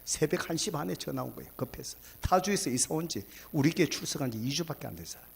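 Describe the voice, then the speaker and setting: A male pastor delivers a sermon in a husky, slightly high voice. His pitch rises and falls widely, bursting into loud exclamations and then sinking into hushed whispers. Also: lively intonation, fast.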